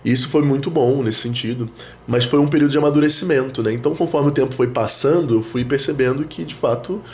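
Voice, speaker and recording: A priest, talking reflectively in a casual interview, with many fillers and restarts. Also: male voice, mid-range voice, quick pace, a little mellow, a little hiss or hum. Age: 30s. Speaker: priest, guest. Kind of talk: casual conversation.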